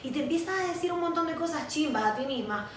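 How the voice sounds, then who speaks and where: Una mujer de unos veinte años con acento venezolano, copresentadora de un pódcast, que cuenta sus vivencias con franqueza y anima sus relatos imitando voces. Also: female voice, high voice, fast, heavy reverb, far from the mic, a little hiss or hum. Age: 20s. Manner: candid, animated storytelling with acted quotes. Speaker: podcast co-host. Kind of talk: casual chat.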